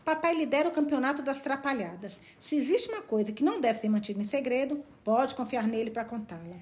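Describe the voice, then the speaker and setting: A woman's voice: high voice, expressive, quick pace, darkish tone. Woman voicing blunt, ardent young man, novel read aloud, earnest. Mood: fond.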